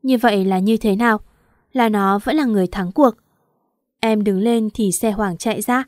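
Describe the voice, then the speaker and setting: A woman's voice: medium pitch, moderate pace, a little mellow, no room sound, studio quality. Woman reading a tearful love story. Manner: emotional, voices the quarrels and crying. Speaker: audiobook narrator. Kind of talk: first-person story reading with dialogue.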